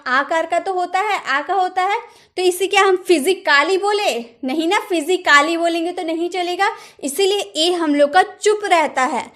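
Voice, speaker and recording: A woman gives an English pronunciation lesson, and her voice sits very high. She says each example word slowly, then says it again, and stops often to ask the viewers questions. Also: a bit bright. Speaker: English teacher.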